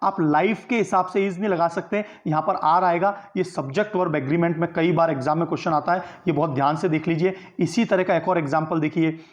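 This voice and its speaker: With a fairly high, steady voice, a man moves a little fast and with few pauses through an online exam-prep grammar lecture. He explains each step, answers his own questions, and uses tag questions to get listeners to agree.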